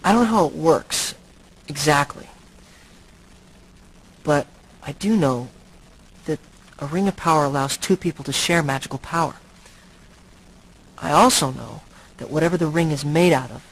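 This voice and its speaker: This male actor, with a fairly high, husky voice, portrays an ancient, noble but anguished and brooding vampire for a video game. He explains earnestly, in grave, halting delivery, on a low-quality recording.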